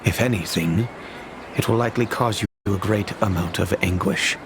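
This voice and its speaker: A man voicing a dignified, solemn middle-aged nobleman and father in a video game, with measured, formal, grave phrasing. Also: on the low side, background noise, lightly acted. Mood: resigned, grave. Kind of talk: video game character acting.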